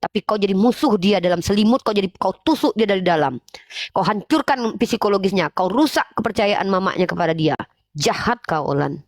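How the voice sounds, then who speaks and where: A woman's voice: medium pitch, expressive, a little fast, no room sound, studio quality. A woman preacher hosting a live stream, speaking in a stern, scolding way and repeating her accusations for emphasis. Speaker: livestream Islamic preacher and host.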